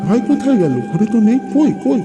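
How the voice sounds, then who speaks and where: A man's voice: extremely high pitch, animated, quick pace, music in the background. A man narrating a horror story as the elder son, speaking urgently and repeating words in alarm.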